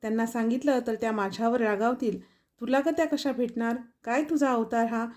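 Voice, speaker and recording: A timid young maid in a storybook palace, full of worried questions and pleas. Her voice is gentle and mellow, a little high, played by a woman narrator. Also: fairly even intonation, brisk, natural voice. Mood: fretful. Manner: questioning, pleading.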